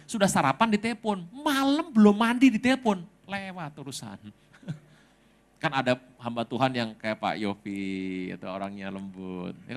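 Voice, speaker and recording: A male pastor preaching a sermon, telling stories in a lively, humorous way with dramatic swings. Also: fairly high pitch.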